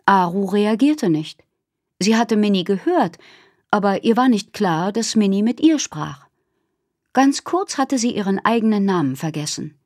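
A woman narrating a children's novel in an expressive storytelling manner. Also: mid-range voice, a little slow, dry recording, clean studio sound. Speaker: audiobook narrator. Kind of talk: scripted narration.

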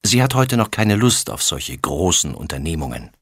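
Brief: male audiobook narrator for a kids' story, low and husky, lively intonation. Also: moderate pace, dry recording, clean studio sound. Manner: expressive, storytelling melody. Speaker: audiobook reader.

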